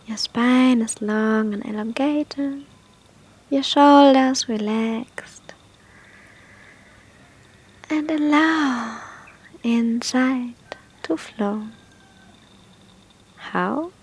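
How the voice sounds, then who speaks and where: A woman guides a meditation in a high, breathy voice, speaking very slowly and softly. Her instructions are gentle and punctuated by long pauses.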